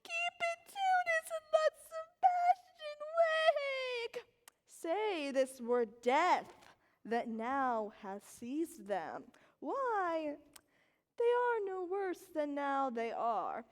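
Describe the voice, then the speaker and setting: A woman's voice: high-pitched, expressive, slow pace. A woman playing a scheming, ambitious courtier in Shakespearean stage style, with theatrical, declamatory, hammy delivery. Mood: grand, fervent. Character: scheming, ambitious courtier urging a drowsy lord to seize a crown. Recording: echoey stage hall with long reverb.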